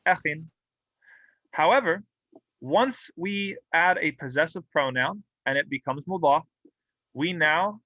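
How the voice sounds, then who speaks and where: A man's voice: fairly high pitch, sharp tone, dry recording, highs cut off. A man teaching a classroom grammar lesson, explaining patiently and drilling example words aloud with light humor. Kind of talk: classroom lecture. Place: mosque classroom.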